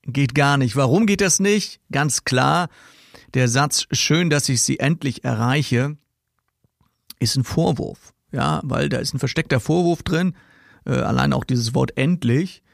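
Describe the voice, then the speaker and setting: A man's voice: mid-range voice, unhurried, gravelly, no echo, clean studio sound. A man hosting a podcast as a sales trainer, talking casually and directly, laughing as he mocks stock sales phrases.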